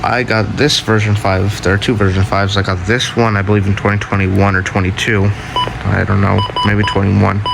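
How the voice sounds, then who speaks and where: With music underneath and poor audio, a man rambles through an offhand show-and-tell of his weather radio collection, correcting himself as he goes. He speaks in a lowish, creaky voice with a level tone at a moderate pace.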